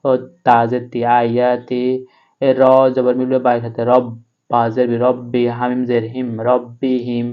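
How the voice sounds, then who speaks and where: Male Quran tutor, flat and smooth delivery, slightly dull audio; spells letters, then chants. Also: mid-range voice. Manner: spells out letters and vowel marks slowly, then chants the verse. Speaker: Quran reading teacher. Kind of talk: step-by-step spelling lesson.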